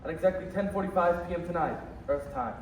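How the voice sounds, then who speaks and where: Echoey, high-ish voiced senior angel played by a man. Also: fast, lightly acted. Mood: calm authority. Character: senior angel, male superintendent of heaven, calm and authoritative. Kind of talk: stage radio play acting. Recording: echoey stage from far off, noisy.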